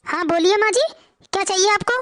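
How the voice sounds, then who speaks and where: A woman's voice: very high-pitched, brisk, fairly bright tone, dry recording, studio quality. A woman voicing a timid young daughter-in-law who stammers and hesitates. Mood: anxious.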